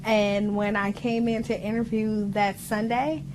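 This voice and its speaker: A woman with a slightly squeaky voice speaks earnestly and passionately in easy interview talk. Plain background noise is clearly heard around her. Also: level tone, measured pace. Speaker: radio show co-host.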